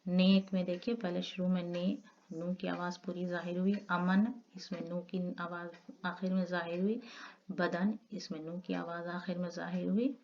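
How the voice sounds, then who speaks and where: A woman's voice: lowish voice, little pitch movement, moderate pace, a little mellow. A woman teacher giving an Urdu grammar lesson, explaining step by step and drawing out the example words. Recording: dull lo-fi audio with faint noise.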